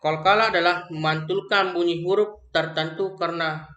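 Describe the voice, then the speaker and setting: A young man with an Indonesian accent reads a lesson on recitation rules aloud, slowly and haltingly, often restarting words. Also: sits high, fairly even intonation, bright, forceful tone, dull audio. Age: young adult. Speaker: student presenting an assignment. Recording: echoey room.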